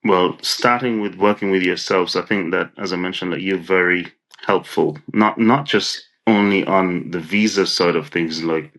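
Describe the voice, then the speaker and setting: Deep-voiced man. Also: steady tone, moderate pace, few pauses, fairly bright tone, low-quality recording. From Nevis, Saint Kitts and Nevis. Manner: encouraging, repeats words as he thinks aloud. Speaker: interview guest, entrepreneur. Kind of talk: conversational interview answers.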